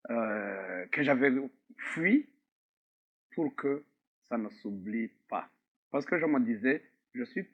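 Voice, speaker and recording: A middle-aged man from Rwanda gives a slow, grave testimony as an interview guest, pausing often between phrases. His voice sits at an ordinary pitch. The sound is thin and phone-like, as if heard over a narrow line. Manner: measured and grave, with frequent pauses. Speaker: interview guest, author and survivor. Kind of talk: slow, reflective personal testimony.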